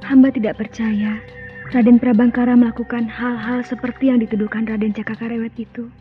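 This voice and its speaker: An actress voicing a devoted, anxious young palace maidservant in an old radio drama, speaking with humble, pleading deference. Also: female voice, on the high side, little pitch movement, a little fast. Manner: pleading, deferential court speech. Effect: old radio show sound. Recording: muffled old radio play with music.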